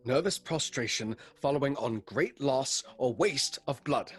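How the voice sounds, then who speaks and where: An actor playing an earnest, solemn doctor who narrates his journal in a measured, dramatic way. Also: mid-range voice, expressive, husky, faint music behind. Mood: grieving. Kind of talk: radio play narration and acting.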